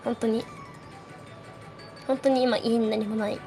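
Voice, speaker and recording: Young woman, streamer host, casual nervous chat with a shaky voice, slightly high pitch, faint music bed. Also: fairly even intonation, unhurried, dark tone. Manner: nervous, shaky voice, frequent nervous laughs. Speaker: streamer hosting a live audio space. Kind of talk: casual chat greeting listeners.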